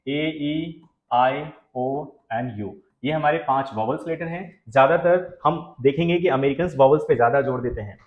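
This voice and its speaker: A man teaching an English lesson who explains patiently, asks the class questions and mixes English phrases into his talk. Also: a little high. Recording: echoey, muffled room recording.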